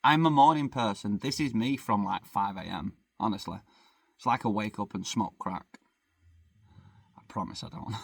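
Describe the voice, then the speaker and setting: Rambling through a casual chat from the van he lives in, this young vlogger swears freely and pokes fun at himself. His slightly rough voice sits on the low side with vocal fry, at a moderate pace, in clean studio sound with no echo.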